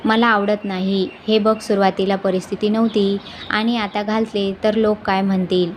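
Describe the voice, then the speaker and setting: A woman's voice: medium pitch, level tone, normal speed, slight background noise, lightly acted. A woman voicing a tender older mother-in-law. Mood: agreeable.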